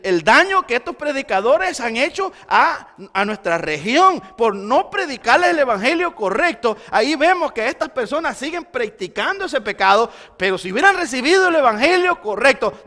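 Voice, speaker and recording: A man preaching a Sunday sermon as pastor, swinging between loud emphasis and quiet intensity. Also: extremely high pitch. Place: church sanctuary. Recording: long church hall reverb.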